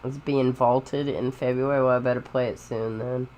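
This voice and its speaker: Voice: medium pitch, fairly even intonation, normal speed, a little mellow, slight background noise, low-quality recording. A gamer giving informal, rambling commentary while playing, chatting casually about games. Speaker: gamer, game streamer. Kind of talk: casual gameplay commentary and chat. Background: game music.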